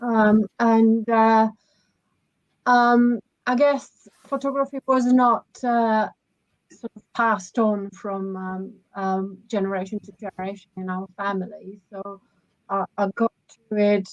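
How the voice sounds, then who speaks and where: A woman's voice: medium pitch, steady tone, slow pace, no room sound, highs cut off. A woman from the Republic, a guest photographer speaking in a reflective, hesitant way with many fillers. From Czech Republic. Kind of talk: casual interview.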